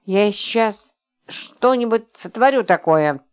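A woman reading an audiobook, voicing a furious, heartbroken man who shouts and rants. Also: mid-range voice, expressive, slow, smooth. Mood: raging. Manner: loud, ranting and emphatic.

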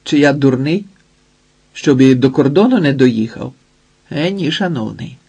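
A man's voice: mid-range voice, lively intonation, a little slow, darkish tone, breathy edge. A man voicing a bold, cocky young giant of a man who bargains coolly and brashly, in an audiobook. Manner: brash, cool-headed bargaining.

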